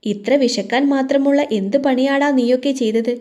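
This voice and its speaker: Woman reading a gruff dad needling his son, mellow audio-story voice. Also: high-pitched, normal speed, close to an everyday voice. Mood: sarcastic. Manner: gruff, sarcastic.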